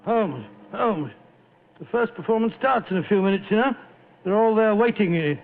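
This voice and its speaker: An actor playing a loyal, flustered English doctor and old army man in a vintage radio drama, creaky, stammering and fussy, with an English accent. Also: high-pitched, expressive, normal speed, slight background noise. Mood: grumbling. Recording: muffled old radio recording.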